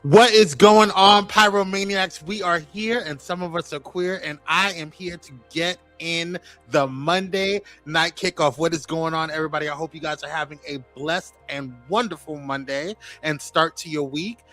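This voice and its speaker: A man's voice: fairly high pitch, moderate pace, hardly any pauses, bright, forceful tone, faint music behind. A man hosting a live-streamed talk show, greeting viewers by name in a playful, chatty way. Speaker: host.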